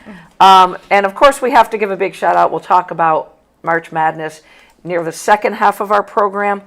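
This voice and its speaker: A woman who used to coach basketball hosts a casual sports talk show, speaking in a chatty, emphatic manner. Her voice is medium-pitched with vocal fry, at a moderate pace.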